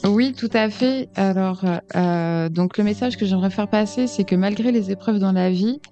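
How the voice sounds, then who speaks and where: A woman being interviewed as a guest, speaking earnestly and reflectively about herself in a halting way. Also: medium pitch, dark tone, dull audio, soft background music. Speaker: interview guest, decorative painter. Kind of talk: radio interview, personal account.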